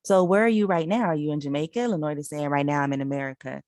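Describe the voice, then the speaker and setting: Woman, sign language interpreter, low pitch, mellow tone, relays signers with many ums. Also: fairly even intonation, quick pace, no room sound, studio quality. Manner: relaying speakers in third person with fillers. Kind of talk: voicing signed conversation.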